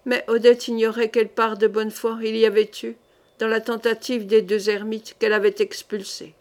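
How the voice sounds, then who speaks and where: A woman narrates a historical novel as an audiobook, reading in a steady, measured way. Her voice sits fairly high. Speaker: audiobook reader.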